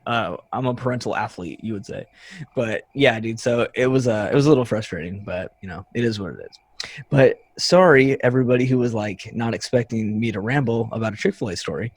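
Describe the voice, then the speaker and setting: A man's voice: mid-range voice, fairly quick, dry recording. A man in his thirties hosting a podcast, telling a rambling story in casual chat and acting out the people he quotes. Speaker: podcast host.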